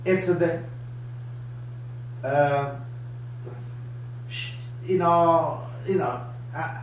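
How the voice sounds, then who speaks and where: A man's voice: on the high side, drawn-out words, slight background noise. Old italian guy cooking live in his kitchen, broken english, kinda far off mic, super echoey. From Italy. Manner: broken English, lively, gestures a lot. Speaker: home cooking host. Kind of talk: live cooking show chat. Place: home kitchen, indoors. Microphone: camera across the counter.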